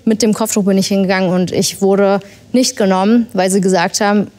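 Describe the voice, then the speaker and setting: Woman, mid pitch, hesitant, personal account. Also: fairly even intonation, fairly quick, mellow.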